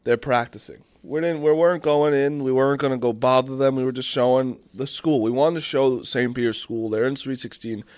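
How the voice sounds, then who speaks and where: A man's voice: mid-range voice, fairly even intonation, brisk, few pauses, a little mellow, no echo. Rambling, swearing young man telling a story. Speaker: podcast host. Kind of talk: casual chat.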